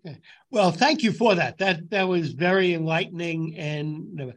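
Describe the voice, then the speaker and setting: High-pitched male New radio host. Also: normal speed. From the Bronx, New York. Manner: enthusiastic, chatty, circling phrases. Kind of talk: conversational interview hosting.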